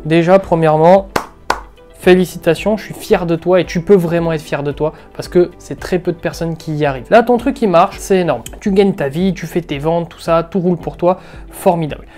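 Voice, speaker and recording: Homme coach en ligne, voix douce et chaude, débit vif, tutoie le spectateur, martèle ses mots. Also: male voice, a little high, brisk, soft background music. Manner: energetic, emphatic, repeats words for stress, talks straight to the viewer. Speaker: YouTube business coach. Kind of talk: casual motivational advice monologue.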